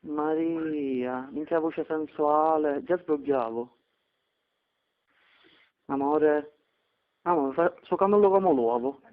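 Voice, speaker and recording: A man's voice: on the high side, slow, long pauses, smooth. A man with a Sicilian accent making a prank call over the phone, crude and insistent, with stammered taunts. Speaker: prank caller. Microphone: telephone. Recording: tinny phone line.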